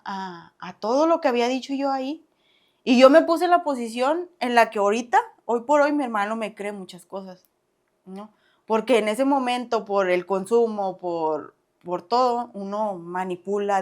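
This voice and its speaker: A young woman with a Mexican accent, a guest on a podcast, telling her own story in a casual, animated way and often laughing. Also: medium pitch. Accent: Mexican Spanish. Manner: animated, acts out past dialogue, laughs often.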